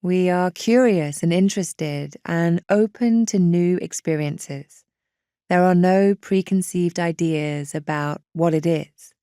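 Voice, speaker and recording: Speaking very slowly and calmly, a woman leads a meditation in a fairly low, smooth, clean voice with soft edges. Her gentle, reassuring manner never speeds up, and the dry recording has studio quality.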